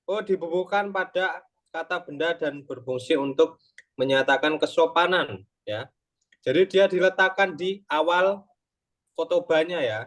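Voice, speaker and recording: A man's voice: fairly high pitch, expressive, unhurried, fairly bright tone. A young man tutoring an online class, explaining grammar patiently step by step and checking in with short tag questions. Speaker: Japanese tutor. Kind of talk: online Japanese lesson explained in Indonesian.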